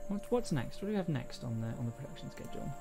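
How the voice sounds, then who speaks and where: A young adult man who produces audio dramas chats casually on a livestream from a small room at home, rambling hesitantly as he thinks aloud. His voice is a little high, with big pitch swings, vocal fry, and a racing pace, and background music plays underneath.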